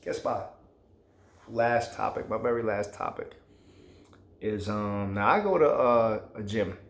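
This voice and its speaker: A man's voice: fairly low pitch, unhurried. Man ranting casually in an echoey room. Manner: emphatic, rambling, slangy. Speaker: vlogger. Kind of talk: casual opinion rant.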